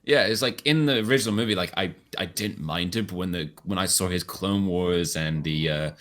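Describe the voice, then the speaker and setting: A young man chatting casually on a podcast, enthusiastic, with halting restarts. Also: low-pitched, a bit bright. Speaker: podcast co-host. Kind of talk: casual chat.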